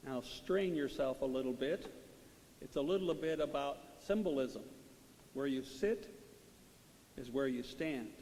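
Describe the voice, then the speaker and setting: A priest reading the gospel and preaching a homily in a large church, his measured, solemn voice carried by a long cathedral echo. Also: a little high, a little mellow. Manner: measured, solemn liturgical delivery. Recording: echoey church with faint hiss.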